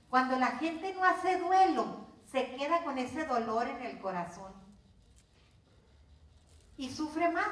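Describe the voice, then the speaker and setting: A woman's voice: high voice, fairly bright tone. An older woman with a Mexican accent giving a workshop lecture as course instructor, talking conversationally and putting questions to her audience. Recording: roomy sound from a distance.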